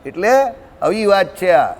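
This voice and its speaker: A high-pitched man teaches scripture to a gathering, speaking. He talks to his listeners directly and lively. His voice rings with the long reverb of a hall. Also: unhurried. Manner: lively, addresses listeners directly, mixes in English. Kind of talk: discourse on scripture with examples.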